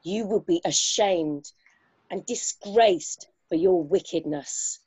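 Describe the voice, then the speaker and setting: A woman's voice: lowish voice, slow, mellow, slightly rough, no echo. A woman voicing a male army captain who reads out a proclamation in a solemn, declaiming way.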